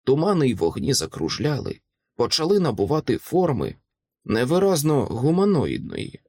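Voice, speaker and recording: A man's voice: mid-range voice, wildly swooping pitch, moderate pace, darkish tone, no echo. A man narrating a first-person audiobook in a dramatic, tense reading.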